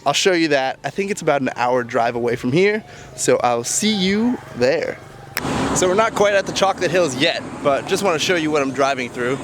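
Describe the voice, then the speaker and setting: A man's voice: on the high side, animated, normal speed, background noise. A young man chatting casually to camera as he tours an island, talking straight to his viewers. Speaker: travel vlogger. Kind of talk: casual travel vlog to camera. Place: outdoors on a tropical island. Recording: outdoor camera audio with background music and crowd.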